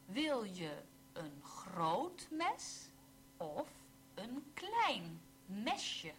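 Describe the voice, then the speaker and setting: A woman slowly reading simple example sentences for a language lesson, pronouncing each one carefully. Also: medium pitch, very animated, slight background noise. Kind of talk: slow read-aloud language drill.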